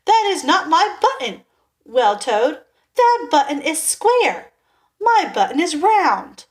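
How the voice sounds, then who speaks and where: Storybook read-aloud: woman playing a fussy little male toad, high and loud, indignant. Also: very animated, takes it slowly, heavily acted.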